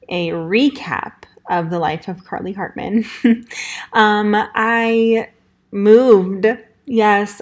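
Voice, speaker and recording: A young woman with a California Valley Girl accent chats on her solo podcast. She sounds upbeat and bubbly, dropping casual fillers as she goes, in a voice of ordinary pitch for a woman. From Southern California. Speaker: podcast host.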